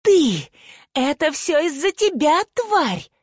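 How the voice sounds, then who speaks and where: Female reader doing a hysterical hateful schoolgirl, screeching high and loud, bone-dry audiobook sound. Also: expressive, a little slow, dry recording. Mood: furious. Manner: shrieking accusations, hissing, sobbing. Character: furious hysterical young woman student, hateful.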